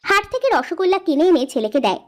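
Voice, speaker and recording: High-voiced woman narrating a cartoon. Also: big pitch swings, fast. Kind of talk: storybook narration.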